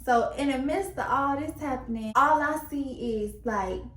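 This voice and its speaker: A woman's voice: high voice, measured pace. A young woman telling a story to her camera in a casual, slangy way, acting out what people said. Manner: animated, slangy, acts out quotes. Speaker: vlogger. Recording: echoey room.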